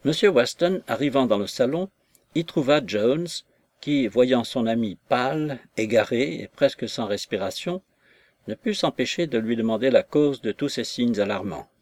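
Male narrator, classic novel, measured literary reading, mid pitch, dry close recording. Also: animated, a little mellow, no room sound.

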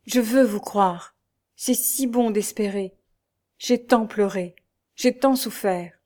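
A woman reading the lines of a gentle, tearful young noblewoman in a novel, in a soft and emotional voice. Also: medium pitch, slow, close to an everyday voice.

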